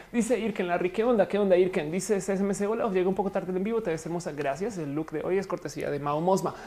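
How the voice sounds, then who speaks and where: A woman's voice: fairly low pitch, fast talker, dark tone. A young Colombian-born woman with a Mexican Spanish accent, chatting casually on a live stream and reading viewer comments aloud.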